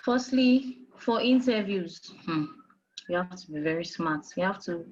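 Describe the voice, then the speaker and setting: Her voice runs on the low side, animated yet unhurried, darkish with a breathy edge, in lo-fi sound. A Nigerian English speaker and HR manager guest, she gives career advice emphatically, repeating what matters and asking rhetorical questions.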